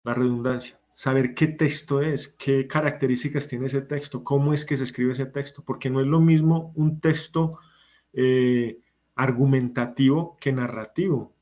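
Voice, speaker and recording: A man's voice: medium pitch, dark tone. Patient male teacher, lo-fi audio. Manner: patient, explains step by step, asks students questions. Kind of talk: online class lecture.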